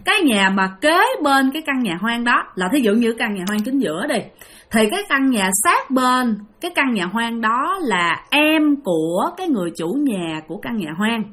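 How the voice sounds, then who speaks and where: A woman with a Southern Vietnamese accent tells a ghost story in a loose, conversational way. She keeps turning to her listeners and fills her sentences with small particles. Her voice sits fairly high. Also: lively intonation, normal speed, fairly bright tone. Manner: chatty, addresses listeners, heavy filler particles. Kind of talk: spoken ghost story narration.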